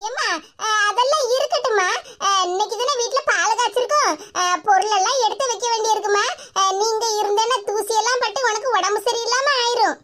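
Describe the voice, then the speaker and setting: A woman's voice: extremely high pitch, fairly quick, background noise. A woman voicing a hesitant grown daughter in a cartoon who soothes her mother with fillers, with a Tirunelveli Tamil accent. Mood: placating.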